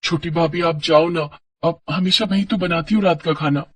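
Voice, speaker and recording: A man's voice: on the high side, fairly even intonation, moderate pace, a bit bright. A man voicing a timid schoolgirl who stammers fearfully, recorded from a distance. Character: timid young sister-in-law, a schoolgirl.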